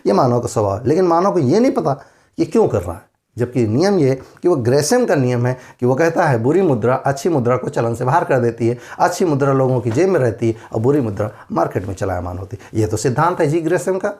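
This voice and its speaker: A man's voice: medium pitch, animated, fast, darkish tone. A male teacher giving an exam-preparation lecture in Hindi, explaining with everyday examples and rhetorical questions.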